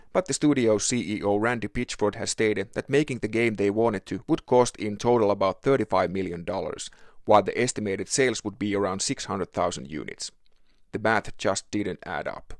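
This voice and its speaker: A man's voice: fairly low pitch, no room sound, studio quality. A man with a Finnish accent reading a scripted video essay narration as the host of a game review show.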